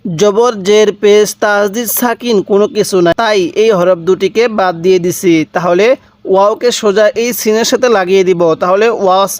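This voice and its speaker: A man teaching Quran reading step by step, spelling out letters slowly and repeating each sound for learners. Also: high-pitched, fairly even intonation, darkish tone, no echo. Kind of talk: step-by-step recitation lesson.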